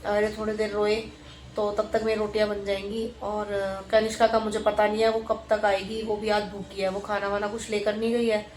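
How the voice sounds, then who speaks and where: A woman in her thirties chatting casually on a home vlog as a mother, sometimes talking softly and slowly so a sleeping baby stays asleep. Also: mid-range voice, little pitch movement, slight background noise. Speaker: vlogger, mother. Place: home, indoors and yard.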